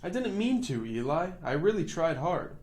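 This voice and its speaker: Storybook role: small wooden male character, timid and self-doubting, questioning, higher register read by a man. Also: big pitch swings, normal speed, darkish tone, echoey room. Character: timid, downhearted little wooden toy person, male. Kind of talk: children's storybook reading.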